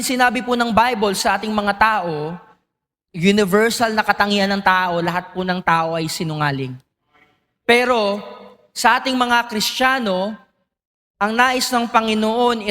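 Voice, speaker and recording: A man's voice: sits high, measured pace, long pauses, fairly bright tone, long reverb tail. A male preacher giving a sermon in church, often asking the congregation questions. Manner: engaging, asks the congregation questions.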